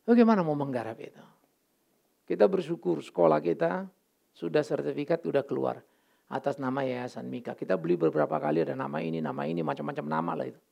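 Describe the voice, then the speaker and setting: A man's voice: a little high, fast, creaky, warm tone. A middle-aged male pastor giving a candid, emotional sermon, mixing English words into his talk.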